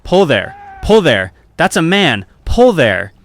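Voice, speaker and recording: A man voicing a male sailor who calls out loudly and insistently from a rowing lifeboat in a spoken story. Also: fairly low pitch, moderate pace, creaky, no echo. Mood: urgent shouting.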